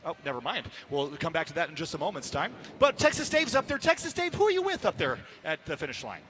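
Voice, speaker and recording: A man's voice: on the high side, big pitch swings, fast talker, a bit bright, slight background noise. A man hosting a live race broadcast outdoors, chatty and upbeat as he interviews guests. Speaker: host.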